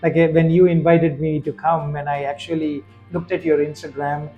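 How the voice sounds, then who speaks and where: A man's voice: a little high, flat delivery, normal speed, lo-fi sound, faint music behind. A man from Sri Lanka, a guest in an interview, speaking earnestly with frequent fillers and restarts. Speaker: guest, festival director and business owner. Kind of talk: conversational interview.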